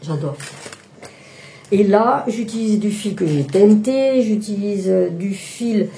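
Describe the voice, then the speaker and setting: A woman's voice: mid-range voice, takes it slowly, vocal fry, warm tone, slight background noise. A woman casually showing her cross-stitch projects, talking with many hesitations and restarts. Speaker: embroidery vlogger. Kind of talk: casual show-and-tell chat.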